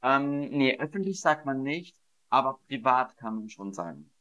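A man teaching German on a live stream, slowly and patiently repeating words and praising his viewers. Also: medium pitch, expressive, bright, forceful tone, muffled recording. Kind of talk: live-streamed vocabulary quiz. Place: streaming setup at home.

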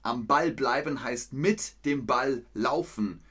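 A man teaching German in a live lesson, answering viewers' chat questions slowly and clearly with encouragement. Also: mid-range voice, a bit bright. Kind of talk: live-streamed language lesson.

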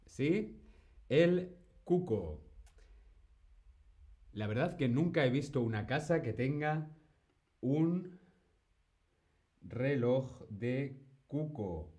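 A man's voice: a little high, animated, takes it slowly, pauses often, warm tone. A man from Spain teaching Spanish on a live stream, greeting chat viewers by name and playfully imitating sounds. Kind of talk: live-stream language lesson.

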